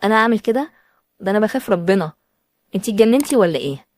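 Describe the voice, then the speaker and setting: A woman's voice: mid-range voice, expressive, very fast, a little mellow, slight background noise, close to an everyday voice. A woman voicing a defensive female neighbor who feigns shock and protests, with an Egyptian accent. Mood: indignant. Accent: Egyptian Arabic. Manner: indignant, defensive.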